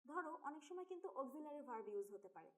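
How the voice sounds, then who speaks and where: A young woman with a high, light voice teaches English grammar in a Bangladeshi Bengali accent. She explains each point step by step and talks straight to her students. She drops English grammar terms into her Bengali as she goes. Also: very animated, quick pace. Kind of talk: explanatory online lesson.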